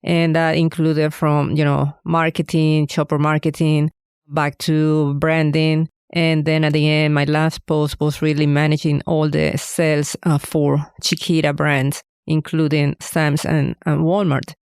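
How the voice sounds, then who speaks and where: Smooth-voiced woman guest. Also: sits low, flat delivery, measured pace, darkish tone, no room sound, studio quality. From Venezuela. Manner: earnest, reflective storytelling with small restarts. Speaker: guest, bakery owner. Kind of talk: casual interview answers.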